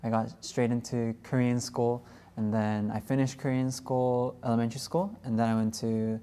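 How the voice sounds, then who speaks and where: A man's voice: mid-range voice, flat delivery, normal speed, warm tone, smooth. A young man from San Francisco with an American accent, a musician guest chatting casually on a talk show, easygoing and laughing often. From San Francisco, USA. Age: young adult.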